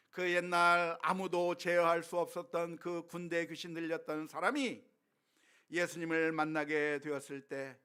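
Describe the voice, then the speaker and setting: A male pastor preaching a sermon, moving between quiet, hushed passages and loud, impassioned appeals built on rhetorical questions. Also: mid-range voice, clean tone.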